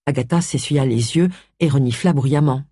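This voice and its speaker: Lecture de roman, narration expressive, son sec et proche. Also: medium pitch, moderate pace, breathy edge, dry recording, clean studio sound. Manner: expressive storytelling. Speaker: audiobook narrator. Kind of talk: scripted narration.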